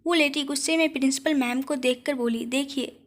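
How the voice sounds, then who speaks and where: A woman narrating a scripted audio story with expressive, steady delivery. Her voice sits fairly high. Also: a little fast.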